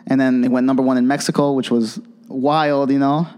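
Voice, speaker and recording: A man's voice: medium pitch, little pitch movement, a little fast, a little mellow, clear, resonant tone. A young man, a DJ and producer, answering interview questions casually and eagerly. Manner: casual and eager, lots of fillers. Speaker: DJ and producer guest. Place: office space during an event.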